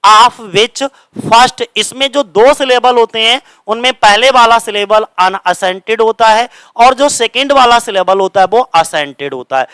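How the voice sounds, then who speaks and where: High, bright-voiced male teacher quizzing himself. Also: smooth, dry recording. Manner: asks rhetorical questions and answers them himself; reads English lines slowly, then explains in Hindi. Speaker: coaching teacher. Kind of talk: exam-prep lecture.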